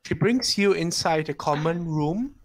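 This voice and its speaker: A game master improvising scene descriptions for a tabletop game in a halting, hesitant way. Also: mid-range voice, expressive.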